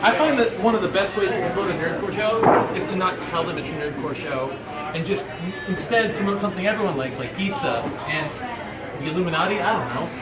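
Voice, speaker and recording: Young man vlogging, slightly high voice, loud crowd around, self-mocking. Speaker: rapper and vlogger. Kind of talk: casual vlog talk.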